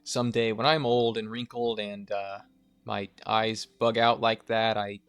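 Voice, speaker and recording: Conversational young man narrating over soft music. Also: lowish voice, level tone, measured pace, clean tone. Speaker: video game essayist.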